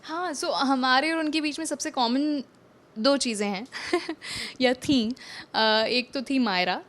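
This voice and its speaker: Young actress guest, slightly high pitch, chatty and rambling with restarts. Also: female voice, slow pace, fairly bright tone. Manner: chatty, mixes English into her talk, many restarts. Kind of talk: casual interview chat.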